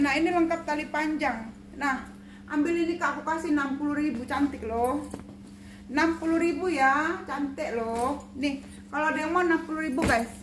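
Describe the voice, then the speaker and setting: A woman pitches used bags on a live stream in a high, bright voice. She talks on and on, repeating each price and coaxing viewers with endearments. The room is roomy and echoey, with a faint hum of noise behind her. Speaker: online seller of second-hand bags.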